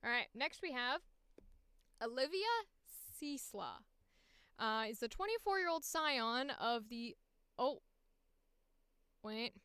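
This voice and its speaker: A voice actor and streamer recording auditions chats playfully and offhandedly to herself and her livestream as she works, dropping sing-song filler noises. Her voice sits on the high side, slow and sing-song with frequent pauses, and its pushed, bright tone is clear and resonant in a dry, studio-quality recording.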